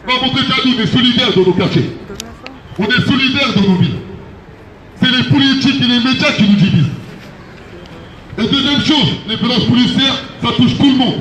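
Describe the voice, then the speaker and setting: A man's voice: very high-pitched, brisk, pauses often. A man from France, an activist giving an impassioned outdoor speech at a protest, insistently repeating each key phrase. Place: outdoors on a city street. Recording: echoey street with loud background noise.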